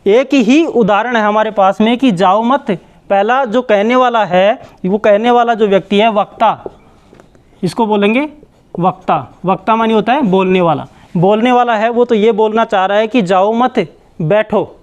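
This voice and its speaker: A man teaching a grammar lesson, explaining slowly and repeating himself with many restarts. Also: high voice. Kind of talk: Hindi grammar lesson at a board.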